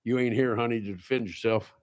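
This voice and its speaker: A pastor in his sixties preaching a sermon in a small church, stressing repeated phrases and swinging between loud and low. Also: steady tone, fast talker. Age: 60s. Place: small church sanctuary, indoors.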